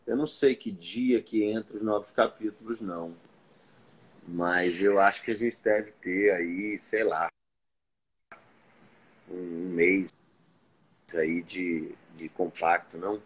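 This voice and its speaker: A man's voice: sits low, steady tone, takes it slowly, long pauses, husky. Laid-back joking man with a carioca accent. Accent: carioca Brazilian Portuguese. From Rio de Janeiro, Brazil. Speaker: actor, guest on a live stream. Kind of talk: casual live-stream chat. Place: home room, indoors. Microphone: video call on webcam.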